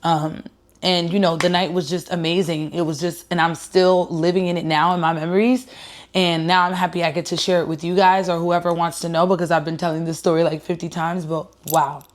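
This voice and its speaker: A woman's voice: fairly low pitch, fairly quick. Earnest woman singer telling a story. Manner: emotional and earnest, addressing viewers directly; excited at first, quieter and heartfelt later. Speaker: independent singer and rapper. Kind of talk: casual story-time vlog.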